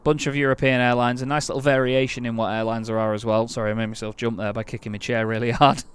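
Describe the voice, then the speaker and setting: A man with a smooth, medium-pitched voice speaks fast in a level tone during casual commentary on an air traffic control game. He reads call signs over the radio and gets exasperated each time a command fails.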